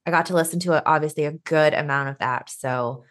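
This is a woman in her thirties co-hosting a podcast in a relaxed, chatty way. Her voice sits a bit on the low side. She laughs easily and keeps things upbeat. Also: a little fast. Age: 30s. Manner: friendly, laughing often, upbeat. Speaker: podcast co-host. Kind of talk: casual chat.

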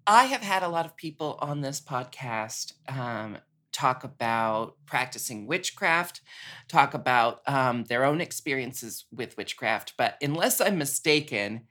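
A woman's voice: rumbling low, animated, measured pace, a bit bright. A woman hosting a podcast interview from a rented home, chatting casually, laughing often and stumbling into restarts. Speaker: podcast host. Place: rented home near busy street.

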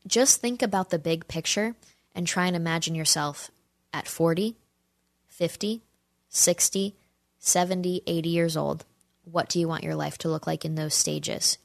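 Woman in her twenties, low voice, gravelly fry, earnest and persuasive, talks to viewers. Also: no echo. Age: 20s. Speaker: commentator answering audience questions. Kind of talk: opinion talk to camera.

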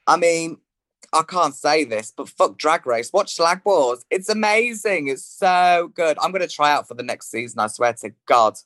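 A man's voice: fairly high pitch, lively intonation, moderate pace, a bit bright, no echo. A man with a British accent in casual comic chat as a guest, cheeky, sweary and full of slang. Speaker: drag performer, interview guest. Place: at home.

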